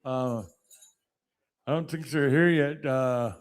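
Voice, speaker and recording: A man working as a powwow emcee, calling people up by name in a halting, list-like way. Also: mid-range voice, clear, resonant tone. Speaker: powwow emcee announcing names.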